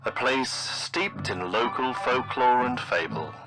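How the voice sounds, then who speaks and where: A man narrating a scripted mock travelogue in the manner of an old newsreel, with formal, florid, deadpan delivery. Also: medium pitch, slow pace, rough recording. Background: music.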